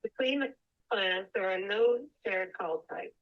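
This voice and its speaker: A woman presenting remotely, reading a prepared talk in a measured, steady way, her call audio breaking up and dropping out. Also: mid-range voice. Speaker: whale researcher presenting remotely. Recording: dull, lo-fi remote call line.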